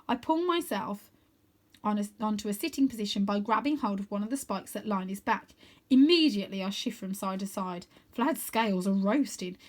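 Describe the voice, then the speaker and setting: Reading a children's book out loud, the woman uses an expressive storytelling style, keeping her pitch in the middle range and her pace moderate.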